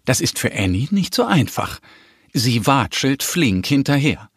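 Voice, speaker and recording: A man narrating a children's audio story in a gentle, expressive storytelling manner. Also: medium pitch, a little slow, slightly rough, no echo, studio quality.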